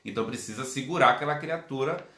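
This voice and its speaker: A man giving a live-streamed lecture as a spiritual teacher. He speaks in an animated, colloquial way and acts out quotes. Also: mid-range voice, quick pace, roomy sound.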